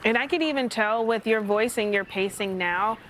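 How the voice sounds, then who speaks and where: A woman's voice: on the high side, moderate pace, fairly bright tone, slight background noise, rough recording. A woman conducting a conversational broadcast interview as a news interviewer.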